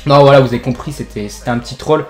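A man's voice: mid-range voice, steady tone, very fast, faint music behind. A young man from France, a gaming YouTuber, tells a made-up joke story over gameplay in rambling, jokey slang full of fillers.

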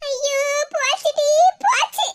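A woman's voice: very high voice, fairly quick, noisy background. A woman voicing a panicky young friend with a Kanyakumari Tamil accent in a cartoon comedy. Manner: panicky, fretful.

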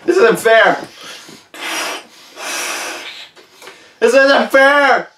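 A man's voice: expressive, brisk, distant mic, close to an everyday voice. A man voicing a folksy balloon-blower with a put-on drawl who turns frantic and pleading, recorded in an echoey room away from the mic. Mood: panicked. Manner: drawling put-on accent turning to frantic high-pitched pleading. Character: panicky twangy man blowing up a balloon.

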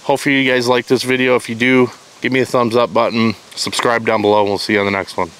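A man in his thirties with a Michigan accent, hosting a casual outdoor gear review in the woods on a lapel mic, talking in a relaxed, chatty way. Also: mid-range voice, fast, slight background noise. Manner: relaxed, chatty, occasional restarts. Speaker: host. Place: outdoors in woods beside a tree. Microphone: clip-on lapel mic.

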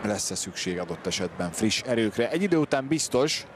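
A man giving excited live football commentary, bursting into shouts of players' names. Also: lowish voice. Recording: loud stadium noise behind the voice. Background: stadium crowd ambience.

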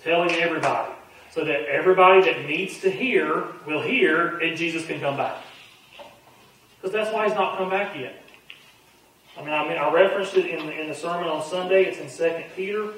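Fast-talking pastor in an echoey hall. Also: male voice, fairly high pitch, a bit bright, slight background noise. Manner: fast-talking, conversational, repeats his starts. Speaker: pastor teaching a Bible class. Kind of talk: Bible study teaching. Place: church sanctuary. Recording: very echoey room, voice from far off.

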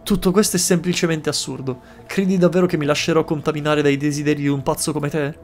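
A man reading aloud a principled male detective's game lines in a plain, steady voice. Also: on the high side, fast, soft background music, close to an everyday voice. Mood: resolute.

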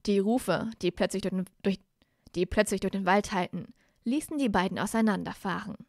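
A woman's voice: medium pitch, normal speed, gravelly, no room sound, studio quality. A woman reading fan fiction aloud live, often restarting and correcting herself mid-sentence. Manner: frequent restarts and self-corrections. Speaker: audiobook reader.

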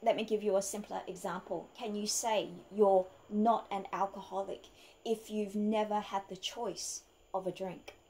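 A woman's voice: medium pitch, steady tone, normal speed, dark tone, rough recording. A woman from Australia, delivering an argumentative opinion monologue full of rhetorical questions. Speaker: vlogger.

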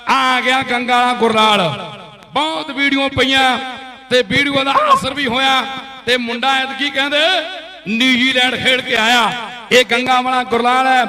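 Male Punjabi rural sports commentator: frantic and excited, very high, piercingly sharp voice, repeats names. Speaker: kabaddi commentator. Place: outdoor village kabaddi tournament.

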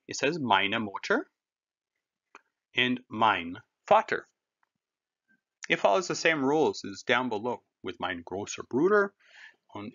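Man teaching German, lively pitch. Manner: patient, conversational, explains with everyday comparisons. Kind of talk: classroom language lesson. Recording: dull lo-fi recording.

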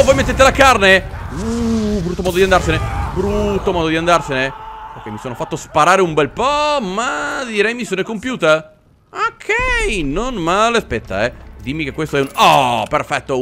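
A man's voice: sits high, sharp tone, a little hiss or hum. A young man giving joking, chatty commentary while playing a war video game. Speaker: gaming video host. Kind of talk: let's play commentary.

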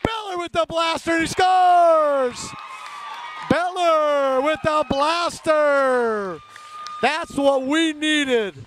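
A man doing excited, partisan amateur hockey commentary from the stands, bellowing a long drawn-out goal yell. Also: extremely high pitch, a crowd in the background, noisy background. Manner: partisan home-team enthusiasm. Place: indoor ice rink, from the stands.

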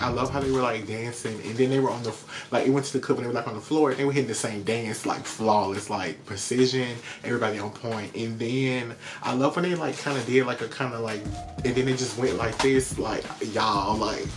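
A man with an American accent talking as a sassy, effusive drag queen host, casually reacting to a music video with drawn-out emphasis. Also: mid-range voice.

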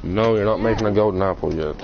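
A man's voice: lowish voice, fast, crowd noise. A man streaming a video game, bantering and teasing his friends in casual chat. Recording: muffled lo-fi mic with faint hiss.

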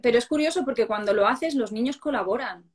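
Higher-pitched woman explaining earnestly. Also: fast, breathy edge. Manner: explanatory, earnest, rhetorical questions. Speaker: psychologist guest. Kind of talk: casual live-stream chat on parenting.

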